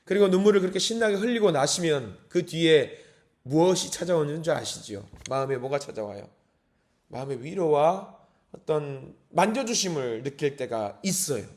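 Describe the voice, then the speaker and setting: A man preaching an early-morning sermon in a church, swinging from hushed, slow words to impassioned crying out. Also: a little high, lively intonation. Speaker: pastor. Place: church sanctuary.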